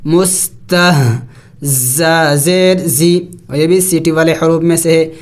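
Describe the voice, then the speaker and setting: A Quran teacher giving a step-by-step tajweed lesson, spelling each syllable slowly and explaining the rules in quick asides. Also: medium pitch, darkish tone. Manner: chants the verses in long, drawn-out recitation.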